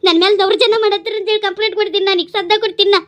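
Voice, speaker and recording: Shrill quarreling village women. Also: female voice, steady tone, a bit bright. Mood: defiant. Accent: North Karnataka Kannada. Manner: shrill, scolding, rapid-fire insults. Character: brash, foul-mouthed village women trading insults. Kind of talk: cartoon voice acting.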